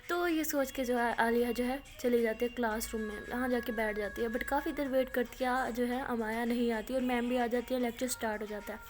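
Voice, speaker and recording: A woman tells a story in a relaxed, chatty style, full of filler words. Her voice sits slightly high for a woman. The delivery is informal and unscripted. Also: few pauses. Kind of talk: casual spoken storytelling.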